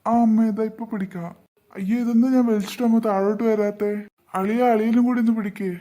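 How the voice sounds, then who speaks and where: A woman doing cartoon dialogue in a worried, gentle manner. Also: medium pitch, steady tone, fast.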